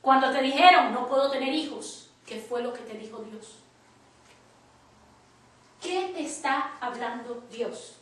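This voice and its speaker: A woman's voice: high voice, unhurried, long pauses. A woman preacher teaching a church class, telling a personal story with emphatic quoted dialogue. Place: church hall. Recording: echoey church from far off.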